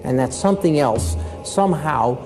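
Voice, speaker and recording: A man in an archive interview recalling his past, halting and hesitant with many fillers. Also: on the high side, expressive, over music.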